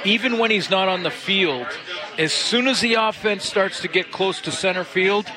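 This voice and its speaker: A former player co-hosting a sports talk show breaks down the mental side of kicking, sounding confident and analytical and laughing often. His voice is high, pushed and bright at a moderate pace, captured on a low-quality recording.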